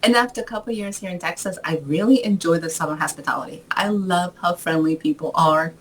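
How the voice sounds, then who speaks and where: A woman in her forties from the Dominican Republic, a lively author guest chatting on a video call and often laughing as she tells stories. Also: fairly low pitch, fast talker, a little hiss or hum, low-quality recording. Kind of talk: casual interview chat.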